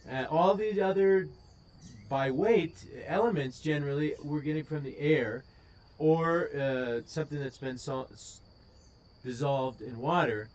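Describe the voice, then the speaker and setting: Man, Wisconsin accent, stream host, casual rambling commentary, lots of fillers, slightly high voice. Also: measured pace, darkish tone, lo-fi sound. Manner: rambling, full of ums and uhs.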